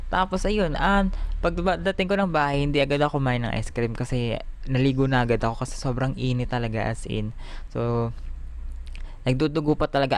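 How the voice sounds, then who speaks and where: A Filipino vlogger chatting casually in Taglish, giggly and animated, talking with missing front teeth. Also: medium pitch. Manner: talks with missing front teeth after an extraction; Taglish, mixing English phrases into Tagalog. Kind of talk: casual chatty daily vlog.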